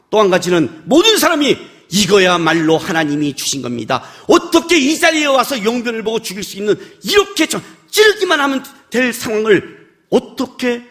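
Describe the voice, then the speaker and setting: A pastor with a high voice preaches a sermon during a church worship service. He's chatty and animated, firing rhetorical questions at the congregation and acting out scolding lines in sudden loud bursts.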